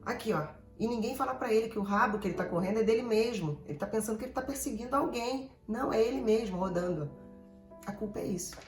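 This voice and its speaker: A Brazilian woman therapist giving an animated, digressive motivational talk, speaking straight to her listeners. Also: a little high, fast talker, reverberant, soft background music. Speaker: emotional therapist.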